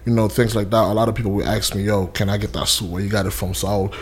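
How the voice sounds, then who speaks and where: A young man from Haiti tells his story in a relaxed interview. His voice sits fairly low, and he rambles with plenty of fillers and restarts. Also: fast talker, slight background noise. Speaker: interview guest, custom suit maker. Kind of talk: casual interview.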